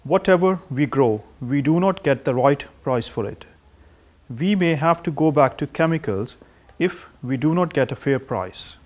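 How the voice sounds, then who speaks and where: A man's voice: a little high, lively intonation, moderate pace. A man, a farmer, answering an interview plainly and matter-of-factly.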